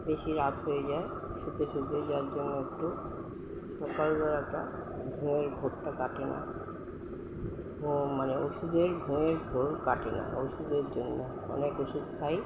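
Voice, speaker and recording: Older man with a higher voice, noisy recording. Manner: plain-spoken, repetitive, rambling. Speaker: vlogger. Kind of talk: casual chat about daily routine. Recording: dull lo-fi sound, clear vehicle noise.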